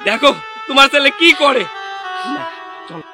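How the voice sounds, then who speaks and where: A man's voice: extremely high pitch, lively intonation, moderate pace. A man playing an anguished, furious son over music. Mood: grieving. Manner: emotional, pleading then scolding, cries out. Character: anguished son, angry at his wife. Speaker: son working abroad. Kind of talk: melodramatic short drama acting. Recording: music underneath.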